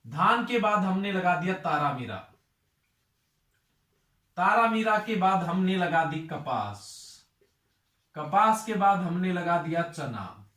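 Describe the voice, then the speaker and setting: A man's voice: sits high, expressive, slow, pauses often, a bit bright, echoey room, far from the mic. A male agriculture tutor giving a lecture. He asks his students questions and then answers them himself.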